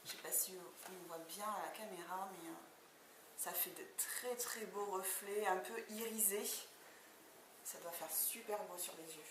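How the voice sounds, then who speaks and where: A woman's voice: mid-range voice, measured pace. A woman chatting enthusiastically while unboxing makeup, speaking casually with many fillers, filmed indoors from a distance on the camera mic. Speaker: beauty vlogger. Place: indoor room, far from the camera. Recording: echoey room, distant mic, background noise.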